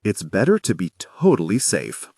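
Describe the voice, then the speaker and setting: A man's voice: on the low side, wildly swooping pitch, normal speed, creaky, dark tone, slightly rough, no echo, clean studio sound, exaggerated voice. A man voicing a cool, guarded teenage girl in an audiobook, speaking in a matter-of-fact way. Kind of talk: audiobook character voice.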